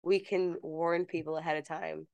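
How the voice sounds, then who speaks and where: A woman's voice: low voice, steady tone, moderate pace, vocal fry, darkish tone, no echo, lo-fi sound. A woman co-hosting a podcast in casual, teasing chat. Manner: chatty, teasing, reads bits aloud. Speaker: podcast co-host.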